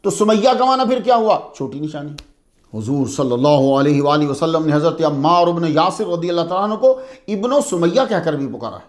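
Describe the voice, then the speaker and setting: A male religious teacher with a fairly high voice that swings up and down a lot as he lectures his students. He poses rhetorical questions, answers them himself, and repeats key terms to drive them home. The room around him sounds echoey. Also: lively intonation, fairly quick.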